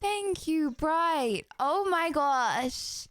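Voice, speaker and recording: Very high-pitched, animated woman livestreamer. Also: very slow, noisy background. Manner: exclamatory, repeats words and phrases. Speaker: live streamer. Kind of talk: excited livestream chat, thanking donors.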